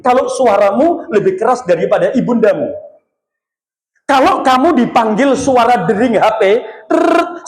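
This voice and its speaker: High-voiced preacher in an echoey hall. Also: male voice. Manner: repeats key points, storytelling, addresses the audience directly. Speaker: Islamic preacher giving a motivational talk. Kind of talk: motivational sermon to parents. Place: school event hall.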